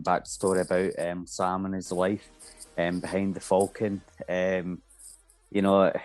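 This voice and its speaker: A man co-hosting a casual pop-culture podcast, musing aloud with frequent pauses and restarts. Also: deep voice. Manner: hesitant, lots of um and restarts while musing. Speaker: podcast co-host.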